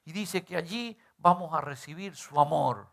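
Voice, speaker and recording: Gravelly-voiced pastor preaching. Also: male voice, a little high, expressive, moderate pace, a bit bright. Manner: conversational preaching with frequent rhetorical questions. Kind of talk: sermon.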